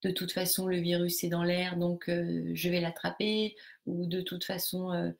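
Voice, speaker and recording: Woman, group coach, low pitch, gravelly, hesitant, instructive, live session. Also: flat delivery, measured pace. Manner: hesitant, many fillers and restarts while explaining; instructive, talks directly to participants.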